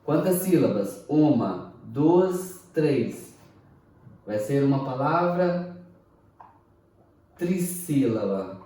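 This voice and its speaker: A man teaching a recorded class, speaking slowly and deliberately, spelling out words syllable by syllable and often checking "ok?". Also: mid-range voice, sing-song, mellow. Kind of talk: recorded online class lecture. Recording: echoey room, mic far off.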